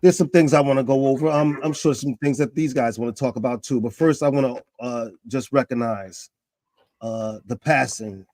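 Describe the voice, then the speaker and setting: A man in his fifties hosting a casual talk show, animated, his pitch climbing when he gets excited. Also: dry recording. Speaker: podcast host.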